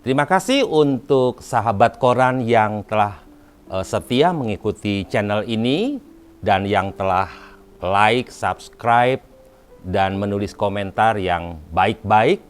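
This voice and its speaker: A man hosting a reaction show about preaching, speaking deliberately with occasional fillers. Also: on the low side, animated, clear, resonant tone, soft background music. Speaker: host. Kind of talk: reaction commentary.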